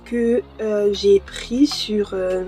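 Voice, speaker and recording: A young woman YouTuber, born in Cameroon and raised in France, talks hesitantly through a home vlog while doing her nails, with plenty of fillers and restarts. Her mid-range voice has fairly even intonation and drawn-out words. It's a low-quality desk mic recording with music underneath.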